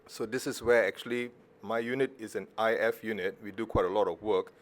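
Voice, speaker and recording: A middle-aged male surgeon from Malaysia gives a conference presentation in a fairly low voice. He talks casually and drops wry, self-deprecating jokes between the clinical points. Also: steady tone, brisk. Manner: casual, joking asides, self-deprecating humour. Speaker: surgeon giving a conference talk.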